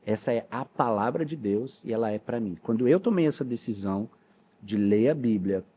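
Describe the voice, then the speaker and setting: A man's voice: mid-range voice, expressive, normal speed, dark tone, breathy edge, highs cut off. Earnest man telling his story. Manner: storytelling, earnest, quotes dialogue. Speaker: pastor and missionary. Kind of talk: testimony in a podcast interview.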